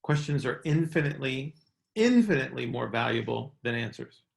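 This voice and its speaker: An expressive middle-aged man with a mid-range, vocal-fry voice hosts a casual coaching call at a moderate pace. He lays things out emphatically, repeating key words and often tagging on "right?" to check in.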